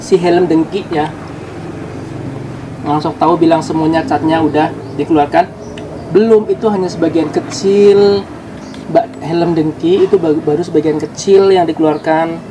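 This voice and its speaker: A man's voice: on the high side, steady tone, normal speed, pauses often, background noise. A man talking to his viewers in a casual vlog, explaining himself defensively. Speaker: YouTuber.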